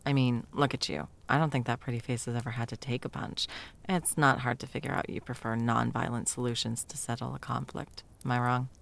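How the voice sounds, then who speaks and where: A woman plays a bumbling, flustered female Christmas elf in a whimsical comedic audio roleplay, evasive and sarcastic as she rambles and backtracks. Her extremely low voice has a steady tone, vocal fry and a slightly fast pace.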